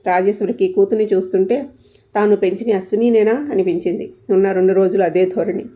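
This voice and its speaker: Female narrator, calm steady storytelling; dark tone, dull lo-fi recording. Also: medium pitch, fast talker.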